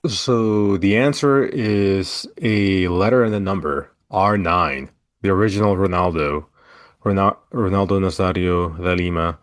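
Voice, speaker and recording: A man from El Salvador, a guest author, answering interview questions in a measured, storytelling way. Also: sits low.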